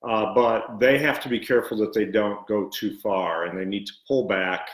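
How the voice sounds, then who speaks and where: A man co-hosting a live video stream, talking earnestly and haltingly, with many fillers. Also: on the low side, fairly even intonation. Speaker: co-host and author. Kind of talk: live-stream book discussion. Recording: roomy echo.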